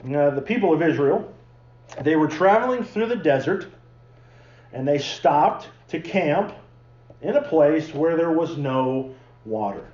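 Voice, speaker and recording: A man's voice: on the high side, lively intonation, a little slow, long pauses, a little mellow, reverberant, lo-fi sound. A man preaching a sermon, telling the story in a chatty way and acting out the people in it. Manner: conversational storytelling, acting out the characters. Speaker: pastor. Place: church sanctuary.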